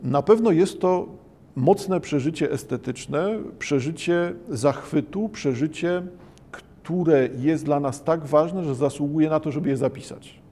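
A man giving a slow, reflective lecture, pausing often and hesitating between phrases. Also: fairly high pitch, mellow. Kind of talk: lecture on Japanese poetry.

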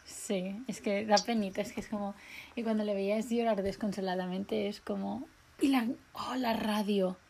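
A young woman from co-hosting a podcast, chatty and excitable with frequent laughs. Her voice sits at an ordinary middle pitch, and she speaks. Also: normal speed, vocal fry, a little hiss or hum. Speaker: podcast co-host. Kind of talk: casual chat.

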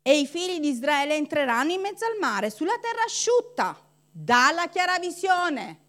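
A woman's voice: high voice, normal speed. A woman pastor preaching a sermon, acting out the people in her story and laughing as she goes. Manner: animated, acts out quoted voices with laughter.

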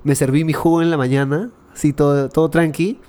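A young man with a Peruvian accent, telling a personal story in an animated, slangy way, full of fillers, in a casual chat. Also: fairly high pitch, a little fast. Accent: Peruvian Spanish.

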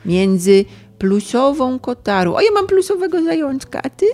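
Lady doing a high squeaky bossy dog host, swings all over, faint music behind. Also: big pitch swings, normal speed, darkish tone. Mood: playful. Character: excitable dog hosting a poetry corner. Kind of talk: comic role-play sketch.

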